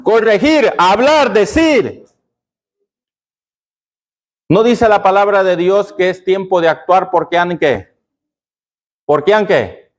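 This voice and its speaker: A male pastor preaching with a notably high voice. He drives the sermon by firing questions at the congregation and supplying the answers, dropping lower for emphasis. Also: slow, pauses often. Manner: call-and-response questioning of the congregation.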